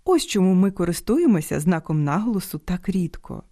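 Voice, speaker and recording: A woman hosting an educational radio program, reading a script in a measured, precise way. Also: fairly low pitch, sing-song, mellow, no echo, clean studio sound. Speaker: radio host. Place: radio studio.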